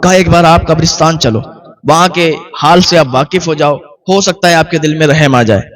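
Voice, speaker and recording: A man giving a religious sermon in style storytelling, speaking earnestly and repeating key points for emphasis. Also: a little high. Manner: earnest, repetitive emphasis, recounts dialogue. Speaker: preacher.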